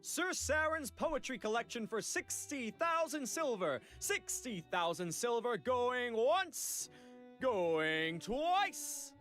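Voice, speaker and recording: Showy banquet auctioneer, high voice, lively sing-song calls, game music under. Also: male voice, full character voice. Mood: announcing. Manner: announcing, drawn-out, theatrical. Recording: game audio with music behind.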